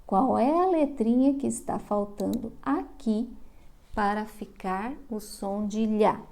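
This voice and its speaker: Slow, gravelly Brazilian woman teaching. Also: mid-range voice, mellow. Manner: slow, drawn-out sounding of syllables. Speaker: literacy teacher. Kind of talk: instructional explanation for parents.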